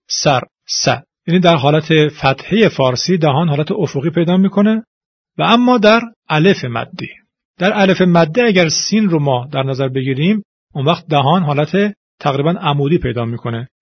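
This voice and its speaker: A man teaching Quran recitation, explaining vowel pronunciation and demonstrating the sounds slowly and deliberately. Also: a little high, expressive, husky, no room sound. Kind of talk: explanatory tutorial with spoken examples. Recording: dull lo-fi audio.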